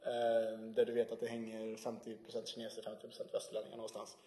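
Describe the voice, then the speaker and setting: A man's voice: fairly low pitch, reverberant, low-quality recording. A man chatting casually as a podcast co-host, laughing often as he tells stories. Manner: laughs often, relaxed storytelling. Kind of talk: casual chat.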